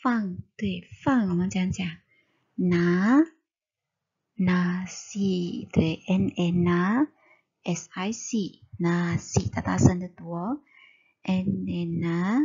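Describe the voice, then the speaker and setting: A Malaysian woman teacher spelling out syllables slowly for young children in a reading lesson. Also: fairly low pitch, a little mellow, breathy edge, lo-fi sound. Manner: slow, drawn-out spelling of letters and syllables. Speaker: primary school teacher.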